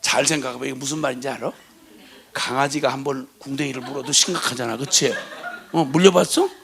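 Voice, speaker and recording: A middle-aged man, a missionary, telling stories in a folksy sermon, dropping to hushed asides and bursting into loud laughing exclamations as he imitates his mother's scolding. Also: medium pitch, quick pace, gravelly. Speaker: missionary preacher.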